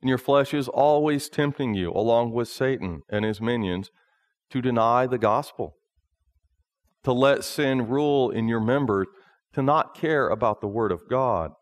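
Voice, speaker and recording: A man in his thirties, a pastor preaching a sermon from a lectern in a small church, in a slow, measured delivery. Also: mid-range voice, no echo, clean studio sound. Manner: slow, measured preaching, often reading from notes.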